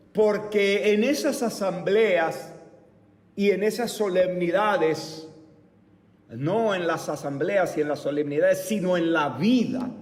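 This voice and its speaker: A man in his fifties teaching a church Bible class, speaking deliberately and asking the class rhetorical questions. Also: high voice, a little mellow. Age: 50s. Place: church meeting room. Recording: echoey hall, mic far off.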